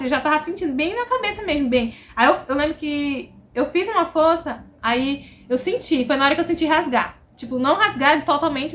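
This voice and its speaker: A woman's voice: high-pitched, a bit bright. A Brazilian woman vlogger casually telling a personal story, chatty and repetitive, often checking in with "entendeu?". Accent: Brazilian Portuguese. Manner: chatty, repeats herself, frequent "entendeu?".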